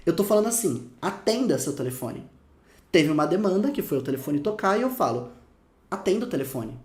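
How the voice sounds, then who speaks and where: In a casual lesson, a lively man with a Brazilian Portuguese accent and a high voice teaches English phrases, slowing down to repeat each example. The room is reverberant, and dogs bark outside.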